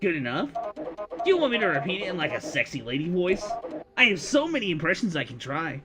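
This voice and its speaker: A man voicing a gleeful, scheming male demon who talks through a phone, showy and excitable in a sing-song way. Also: sits high, fairly quick, pitched above the performer's own voice, exaggerated voice. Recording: music playing behind voice.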